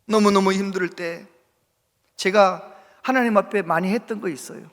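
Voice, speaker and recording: A man preaching a sermon as a pastor, impassioned and swinging between loud exhortation and hushed speech, often asking the congregation questions. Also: high-pitched, normal speed, in a large hall. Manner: asks the congregation questions and calls for replies. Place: church sanctuary with long reverb.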